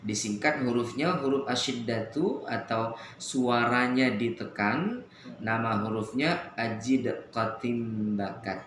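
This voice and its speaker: Slow-spoken man teaching letter sounds. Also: mid-range voice, reverberant, background noise. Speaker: Quran recitation teacher. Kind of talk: explaining Arabic letter sounds on radio. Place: radio studio.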